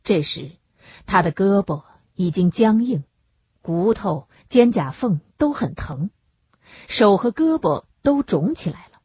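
A woman narrates an audiobook with expressive, lively intonation and a strongly husky, breathy voice. The recording is dry and close, with a dull lo-fi sound. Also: mid-range voice, slow pace, no echo. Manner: expressive storytelling.

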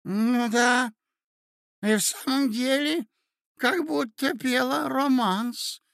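A man voicing a muddled, excitable elderly prince who babbles in a high, gushing voice. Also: takes it slowly, vocal fry, dry recording, studio quality, full character voice.

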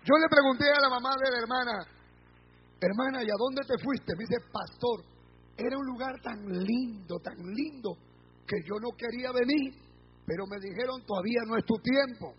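A man's voice: very high-pitched, moderate pace, husky. A man preaching as pastor, retelling a believer's words to his congregation. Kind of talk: sermon. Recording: muffled lo-fi church recording.

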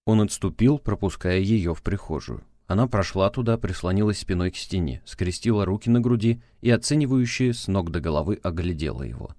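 A man with a very low voice reads an audiobook in a steady, measured way. The recording is dry and close, with no room sound. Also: no echo. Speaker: audiobook narrator. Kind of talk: scripted audiobook narration.

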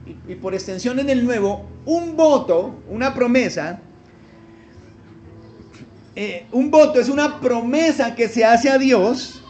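A man with a Colombian accent preaching a sermon as a pastor, often checking in with his listeners with short questions. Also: very high-pitched. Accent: Colombian Spanish. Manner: asks the congregation frequent check-in questions.

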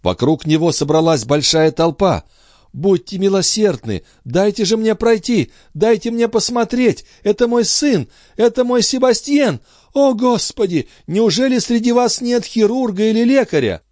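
A man plays a frantic mother in a trance for an audiobook, a woman having visions, and he voices her shrill, breathless cries as she describes them. He sounds animated, slightly mellow, and natural at a normal pace, in a clean studio recording without echo.

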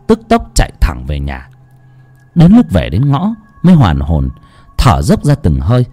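A man narrating a ghost story in a dramatic, animated storytelling voice. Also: medium pitch, slightly rough. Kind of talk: scripted horror narration. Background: faint background music.

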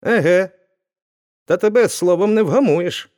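A man voicing an angry young village blacksmith who shouts hostile orders. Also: high voice, unhurried, pitched above the performer's own voice.

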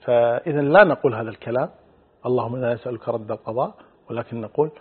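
A middle-aged male Islamic scholar answering religious questions in a measured, explanatory way, quoting hadith. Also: medium pitch, slightly rough. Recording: phone-like narrow band.

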